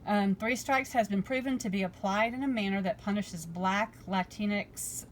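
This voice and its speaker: A woman's voice: medium pitch, slight background noise, rough recording. A woman commentating casually, reading passages from a bill aloud and then paraphrasing them with ums and restarts, her voice a little worn. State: losing her voice. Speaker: political commentary vlogger.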